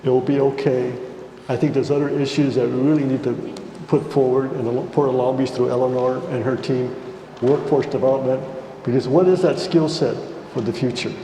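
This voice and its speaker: A middle-aged or older man with an American accent gives unscripted, measured and explanatory remarks as a panelist. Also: medium pitch, fairly even intonation, warm tone. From United States. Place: large reverberant indoor hall. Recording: echoey hall, faint background noise.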